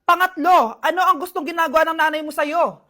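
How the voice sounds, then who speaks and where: A woman's voice: extremely high pitch, a little fast, bright, forceful tone. A woman performing a comedy skit and switching between several characters.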